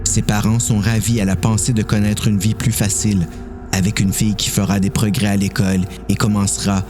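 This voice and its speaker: Over clearly audible music, a low-voiced Québécois man narrates a scripted, dramatized story.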